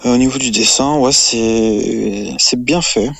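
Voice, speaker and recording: A man's voice: mid-range voice, unhurried, creaky, no echo. A man presenting a manga review column on the radio, casual and hesitant, with many fillers and restarts.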